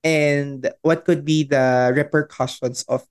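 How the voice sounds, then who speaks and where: Lively Filipino man, co-host. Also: fairly high pitch, slow, clean tone. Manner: animated, laughs often, mixes English into Filipino. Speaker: podcast co-host, teacher. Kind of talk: casual chat.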